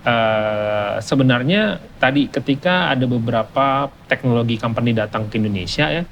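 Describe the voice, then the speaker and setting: A man speaking casually as a panel guest who works with data, chatty and relaxed. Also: mid-range voice, moderate pace, dull audio, a little hiss or hum. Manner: casual, chatty, mixing in English words. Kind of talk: panel discussion.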